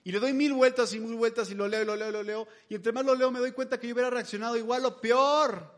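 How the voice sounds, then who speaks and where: High-voiced preacher, chatty and humorous. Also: male voice, fairly even intonation, fast, fairly bright tone. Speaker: pastor. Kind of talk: sermon.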